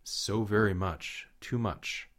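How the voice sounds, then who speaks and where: A man's voice: fairly low pitch, steady tone, slow pace, a bit bright. A man co-hosting a casual language lesson podcast, joking in a dry way. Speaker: podcast co-host.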